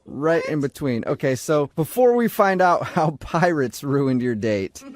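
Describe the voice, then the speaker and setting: A man's voice: fairly high pitch, very animated, a little slow, dry recording, clean studio sound. A man hosting a radio show, asking a caller questions with teasing jokes and frequent laughter. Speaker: radio host. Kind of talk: morning radio banter.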